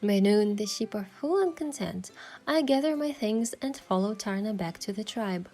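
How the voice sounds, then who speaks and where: Lightly acted, this narration comes from a woman voicing a thoughtful, loving young heroine in a first-person romance game story. Her mid-range, darkish voice has lively intonation and a moderate pace, sounding earnest and reflective over background music.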